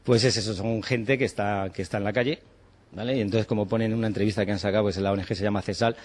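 A man's voice: on the low side, steady tone, fast, darkish tone, slight background noise. A man in his forties from Spain, a chef and cooking teacher, talking casually and animatedly, acting out bits of dialogue and swearing in passing. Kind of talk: casual interview talk.

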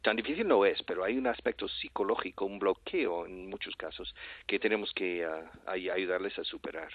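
An older Texan man with a marked American accent, speaking Spanish as a second language on a radio call. His voice sits low and comes through a narrow, tinny phone line, dry and close, with no room sound. He rambles animatedly and restarts his phrases often. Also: expressive, moderate pace, dry recording. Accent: American English accent in Spanish. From Texas, USA. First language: English. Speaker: guest, English-teaching entrepreneur. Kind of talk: radio interview.

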